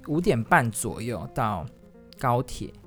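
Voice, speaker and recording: 一位台湾国语口音的男生，随性地讲自己的经历，边说边改口，激动时声音一下拔高。. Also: male voice, slow pace, faint music behind. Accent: Taiwanese Mandarin. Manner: rambling, frequent self-corrections and restarts; animated, jumps to high excited exclamations. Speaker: solo podcaster. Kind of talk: casual storytelling monologue.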